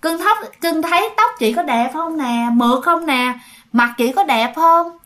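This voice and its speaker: A vain female ghost that has taken over a village aunt, cooing sweetly about her own beauty in a high, lilting voice before turning loud and taunting, as a woman storyteller puts her on. The speech carries a Southern Vietnamese accent and a told-aloud storybook feel. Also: animated, a little slow. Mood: coy. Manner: coy and preening, then snarling and taunting.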